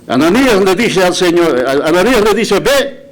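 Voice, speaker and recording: A man's voice: sits high, expressive, moderate pace. A male pastor preaching a sermon, retelling scripture with emphatic rises and dramatic quoted voices, with frequent restarts. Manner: restarts and self-corrections.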